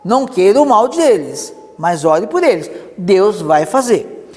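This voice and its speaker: A Brazilian man preaching a sermon, telling a story with lively asides. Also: high voice, a little slow, in a large hall. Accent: Brazilian Portuguese. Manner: animated storytelling with many asides.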